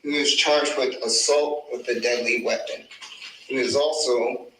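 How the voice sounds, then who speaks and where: A man speaking as a defense attorney, addressing a jury with emphatic, deliberate repetition of key phrases. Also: mid-range voice, steady tone, a bit bright. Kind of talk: courtroom opening argument to a jury. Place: courtroom. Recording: echoey courtroom, clear background noise.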